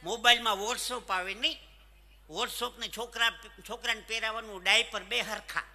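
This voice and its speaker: A man's voice: high-pitched, normal speed. A man, telling jokes and funny stories to a live crowd. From Saurashtra, Gujarat. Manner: animated joke-telling, punchlines. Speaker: folk comedian. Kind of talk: live stand-up storytelling. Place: stage at a live event. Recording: echoey hall reverb.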